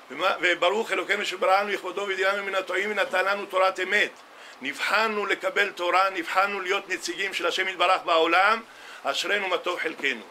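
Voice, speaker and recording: A man's voice: sits high, bright, forceful tone, a little hiss or hum. A man, a rabbi, giving a sermon and telling stories with acted-out dialogue. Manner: storytelling, acts out dialogue in a quoted exchange. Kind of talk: Tisha B'Av sermon.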